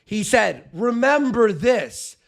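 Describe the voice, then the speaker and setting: Animated man with a creaky, high-pitched voice. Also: slow. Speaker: live stream commentator. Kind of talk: casual live reaction commentary.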